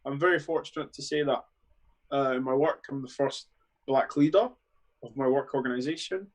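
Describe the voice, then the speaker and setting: A man in his thirties with a London accent, speaking at medium pitch and normal speed, gives blunt, dismissive opinions as a guest panelist in a casual panel chat over a video call.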